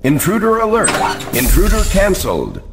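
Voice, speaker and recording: A man's voice: high voice, moderate pace, vocal fry, loud music behind the voice. A man making repeated automated alert announcements over a PA system. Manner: flat repetitive automated alerts. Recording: echoey distant loudspeaker with loud noise.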